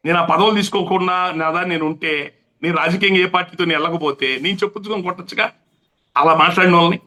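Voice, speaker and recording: A man with a very high, piercing voice argues his case in a heated interview. He is impassioned and emphatic and hammers home his points by repeating them. His tone is sharp and forceful. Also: quick pace. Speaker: interview guest, political activist.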